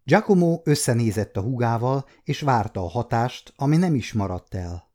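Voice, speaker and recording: A man in his fifties reading a historical novel aloud in calm, measured narration. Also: medium pitch. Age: 50s. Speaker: audiobook narrator. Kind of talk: scripted narration.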